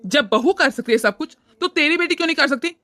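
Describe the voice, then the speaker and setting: Reproachful cartoon dad, woman voicing, high bright voice, dry recording. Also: expressive, quick pace, no echo. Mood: scolding. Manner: lecturing, reproachful. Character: stern scolding older father-in-law, man. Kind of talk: cartoon voice acting.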